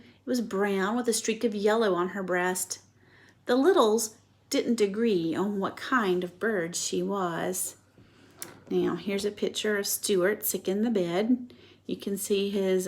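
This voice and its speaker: Woman, storybook reader, expressive, mid pitch, shows pictures. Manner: expressive, pausing to show pictures. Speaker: reader of a children's book. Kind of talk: reading a storybook aloud.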